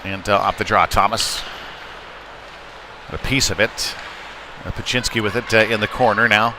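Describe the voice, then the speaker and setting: A man with a fairly low voice, speaking at a normal speed, calls a live youth hockey game as play-by-play commentator. He's rinkside at an indoor arena with rink noise behind him, talking in a conversational, hesitant way that turns excited on shots.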